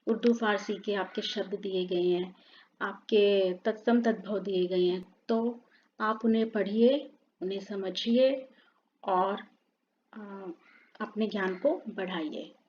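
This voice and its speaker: Woman teacher, unhurried and deliberate, reads word lists for a class, muffled lo-fi sound. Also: medium pitch, fairly even intonation, darkish tone, slight background noise. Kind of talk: grammar lesson for students. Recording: dull lo-fi sound.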